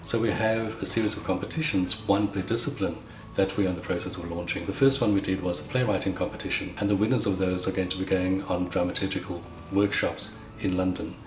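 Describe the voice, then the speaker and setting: Low-voiced man, roomy sound. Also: fairly even intonation, a little fast. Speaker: secretary general of an arts network. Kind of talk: prepared explanatory talk in a promotional interview. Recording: roomy echo, faint background noise.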